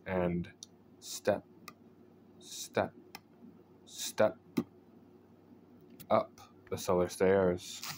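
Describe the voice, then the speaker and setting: A man narrates a scary tale in a low, deep register. He takes his time, pausing deliberately to let suspense build. The recording is homemade, with noticeable background noise behind him. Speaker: storyteller reading aloud from a book. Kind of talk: scripted horror story narration.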